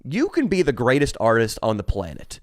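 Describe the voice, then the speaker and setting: A man's voice: mid-range voice, wildly swooping pitch, a little fast, no echo, studio quality. A man co-hosting a comedy podcast in casual banter, ranting in a mock-pompous way with crude jokes. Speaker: podcast co-host.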